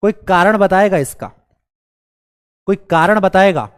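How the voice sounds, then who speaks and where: सर्दी से बैठे गले और खांसी वाला एक पुरुष शिक्षक, बिहारी लहजे में ऑनलाइन क्लास लेता है, बच्चों को मज़ाकिया ढंग से मनाता और सवाल बार-बार दोहराता है।. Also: male voice, sits high, a little slow, clean tone. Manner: playful, coaxing, repeats questions to the class. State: hoarse with a cold, coughing. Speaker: teacher. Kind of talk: live online class.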